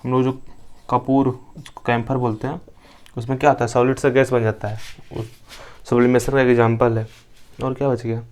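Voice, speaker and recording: A young man from India gives a science lesson at a middle pitch. He asks the class a question, waits a moment, then answers it himself. He says each key term twice so the students can write it down. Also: level tone, moderate pace, long pauses, darkish tone. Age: young adult. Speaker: teacher. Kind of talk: classroom lecture.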